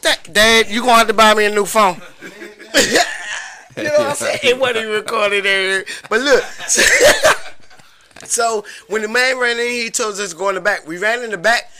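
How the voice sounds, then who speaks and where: Bright-voiced man telling a wild story. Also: high voice, animated, moderate pace. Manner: slangy, profane, laughing storyteller. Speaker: guest. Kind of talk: animated storytelling.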